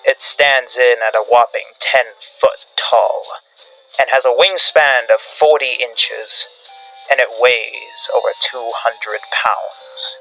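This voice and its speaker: A man with a medium-pitched, fairly even voice speaks slowly in a pushed, bright tone over background music, on a low-quality recording. He reads scripted analog horror narration styled as a field briefing, grave, dramatic and instructional.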